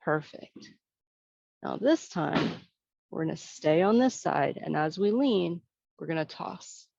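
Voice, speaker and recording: A woman instructor giving serene, soothing tai chi cues, gently guiding movement and breath in an unhurried way. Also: low voice, animated, gravelly, no room sound, highs cut off.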